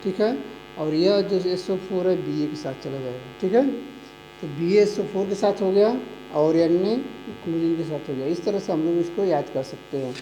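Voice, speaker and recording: A chemistry teacher explains a lesson slowly and repetitively, spelling out formulas letter by letter. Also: medium pitch, dark tone, a little hiss or hum, low-quality recording. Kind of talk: classroom-style lesson explanation.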